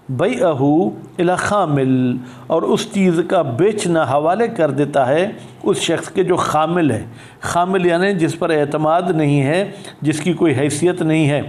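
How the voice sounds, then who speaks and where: Guy teaching a seminary text, reads the arabic real slow then explains, kinda high voice, asks himself questions. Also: darkish tone. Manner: asks and answers his own questions. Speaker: teacher of Islamic jurisprudence. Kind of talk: religious text lesson.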